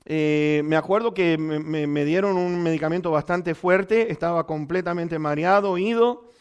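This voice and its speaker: Man, high voice, pastor, sermon testimony, halting storytelling with fillers. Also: clean tone. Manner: storytelling with many restarts and fillers.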